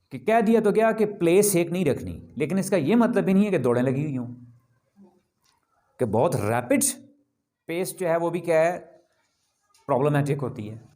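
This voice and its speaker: Male trainer, classroom lecture, fairly high voice, very animated pitch, emphatic, checks understanding. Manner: lively, emphatic, asks "Am I clear ji?" often; mixes English phrases into Hindi-Urdu. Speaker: presentation skills trainer.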